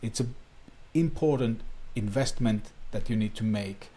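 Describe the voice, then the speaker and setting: A native Finnish speaker from Finland coaches viewers on online marketing in an earnest talking-head explainer, his phrasing plain and slightly non-native. His voice is fairly low, warm and husky, with a measured pace.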